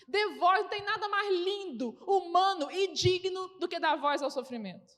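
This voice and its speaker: High-voiced woman pastor preaching. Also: lively intonation, normal speed, in a large hall. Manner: earnest, repeats phrases for emphasis. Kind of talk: sermon.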